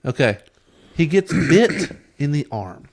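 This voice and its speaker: A man's voice: a little high, big pitch swings, slow pace, vocal fry. A man co-hosting a podcast, ranting about a TV episode in casual chat with exasperated sarcasm. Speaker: podcast co-host.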